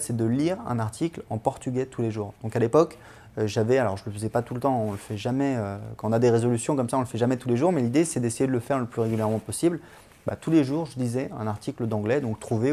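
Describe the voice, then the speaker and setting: A man's voice: mid-range voice, quick pace, mellow. A man in his thirties giving casual advice on learning languages in a chatty way, with many fillers and restarts.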